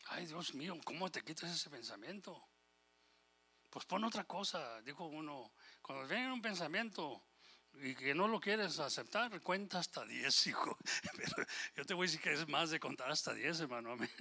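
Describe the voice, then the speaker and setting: Male preacher, fiery sermon delivery, bright ringing tone, a bit higher voice. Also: lively intonation, normal speed, breathy edge. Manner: impassioned, rising and falling in volume, quotes scripture and God's voice; switches briefly into English phrases. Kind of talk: Spanish-language sermon.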